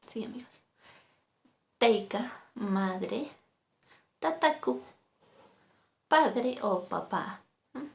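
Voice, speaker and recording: A woman's voice: a little high, lively intonation, extremely slow, creaky, pauses often. A woman teaching a vocabulary lesson, patiently repeating each word and ending phrases with a questioning tag. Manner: patient, repeats words, adds "¿no?" tags. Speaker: Aymara language teacher.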